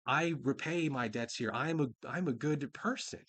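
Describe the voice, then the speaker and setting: A preacher playing a defensive tax collector. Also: male voice, a little high, normal speed, fairly bright tone. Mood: protesting.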